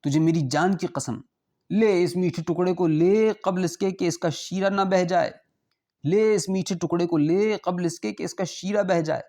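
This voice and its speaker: A man's voice: high-pitched, mellow, pitched above the performer's own voice. A man voicing a lavish, mocking rich host who insistently presses food on his guest. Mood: coaxing. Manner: insistent, coaxing.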